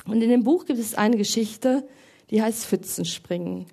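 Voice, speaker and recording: A middle-aged woman, an educator, giving a calm, reflective talk to an audience, telling stories and quoting others. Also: a little high, normal speed. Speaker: educator speaking on grief.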